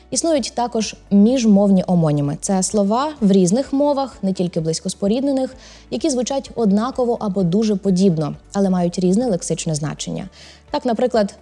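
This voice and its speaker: A woman presenting a language program, reading scripted educational narration in a clear, measured way. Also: medium pitch, dark tone. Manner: clear, measured explanatory delivery.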